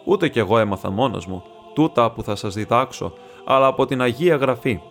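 A man voicing an elderly bishop who speaks in a solemn, measured, instructive way over faint background music. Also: medium pitch, expressive, close to an everyday voice. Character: elderly male bishop, earnest patient teacher.

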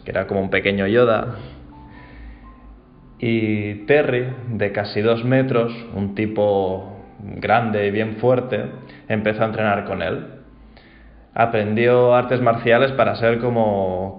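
A man gives a calm, reflective mindfulness talk. His voice sits fairly low, and the recording sounds roomy and a little dull. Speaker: mindfulness teacher.

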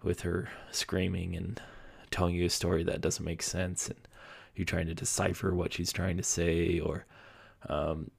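Host: young adult man, very deep gravelly voice, husky, meandering solo podcast talk. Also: flat delivery, a little slow, few pauses. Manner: rambling, self-deprecating, many fillers. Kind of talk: casual solo podcast monologue. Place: home basement room.

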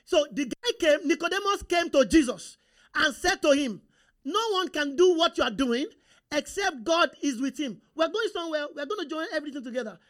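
A Nigerian-accented man whose first language is Yoruba preaches a sermon in call-and-response style, constantly posing rhetorical questions so the congregation will answer and show they're following. His voice is fairly high and a bit bright, with lively intonation and a fairly quick pace.

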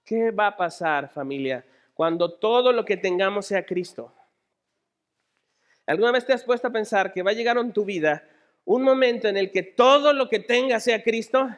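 A Mexican man preaching a sermon as a pastor, dramatic, moving between shouted appeals and hushed tones. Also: high-pitched, normal speed.

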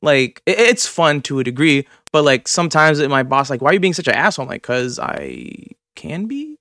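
A man's voice: a little high, wildly swooping pitch, a little fast, sharp tone, no echo. A man in his twenties hosting a podcast, talking in a rambling, profane, filler-heavy way. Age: 20s. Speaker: podcast host. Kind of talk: casual chat.

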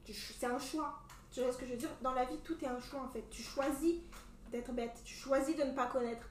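A young woman from Cameroon telling a story in casual chat, animated and full of fillers. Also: sits high, fairly quick, a little hiss or hum. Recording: echoey room from a distance.

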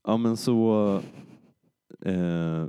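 Low, dark-voiced young man rambling. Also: smooth, muffled recording. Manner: rambling, many fillers and quoted dialogue. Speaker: podcast co-host telling a story. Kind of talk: casual storytelling chat.

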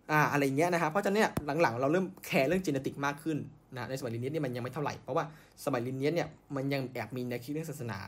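A man hosting a podcast, telling science history in a casual way, with many fillers and self-corrections. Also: fairly high pitch. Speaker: podcast host.

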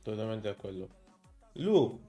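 A man in his thirties from Santo Domingo with a Dominican accent, hosting a relaxed streamed interview and explaining local slang with a laugh. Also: lowish voice, a little slow, soft background music. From Dominican Republic. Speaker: host.

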